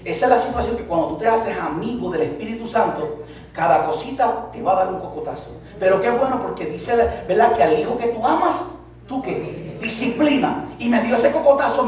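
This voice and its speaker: A man's voice: extremely high pitch, darkish tone. A male pastor preaching a sermon, telling a story with laughs and asides to the congregation. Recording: echoey church hall, distant mic.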